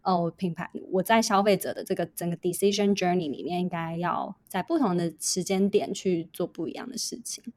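A woman's voice: lowish voice, fairly even intonation, a little fast, few pauses, darkish tone, dry recording. A woman guest on a podcast, a brand manager explaining step by step as she thinks aloud. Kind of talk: casual podcast interview.

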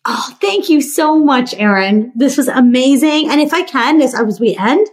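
A woman's voice: high-pitched, lively intonation, moderate pace. A woman guest on a podcast interview, speaking in a heartfelt, affirming, casual way.

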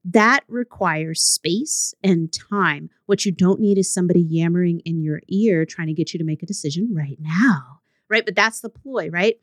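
A woman's voice: lowish voice, no echo, clean studio sound. A woman hosting a solo podcast, talking frankly and conversationally, often tagging her points with "right?". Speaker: podcast host and business coach.

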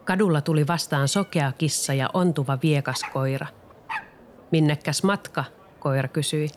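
A man narrating a children's story in an even storytelling manner. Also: a little high, a little hiss or hum.

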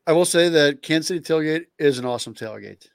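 A man's voice: a little high, expressive, fast talker, vocal fry, no echo. A man co-hosting a casual podcast, chiming in with dry remarks. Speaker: podcast co-host.

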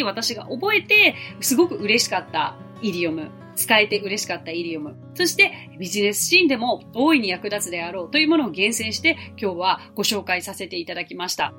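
40s lady doing a podcast english lesson, bright clear voice, slows down on phrases, soft music under it. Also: medium pitch. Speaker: English teacher and podcast host.

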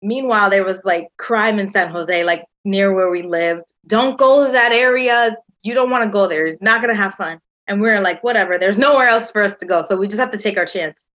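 A woman in her thirties from the United States, founder of a tour company, tells her story in a chatty interview full of "um"s and "like"s. Her medium-pitched voice is a bit bright and fairly quick, with hardly any pauses, and the highs are cut off.

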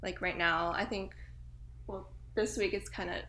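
A woman's voice: medium pitch, fairly even intonation, normal speed, pushed and bright. A woman in her twenties from Hawaii, a podcast guest chatting casually and laughing often, with plenty of fillers. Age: 20s. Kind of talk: casual chat.

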